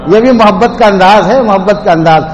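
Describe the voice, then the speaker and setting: High-voiced preacher in a reverberant mosque. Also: male voice. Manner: storytelling with acted quotes and a sung couplet. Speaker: religious teacher. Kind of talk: sermon. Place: large mosque. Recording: long hall reverb.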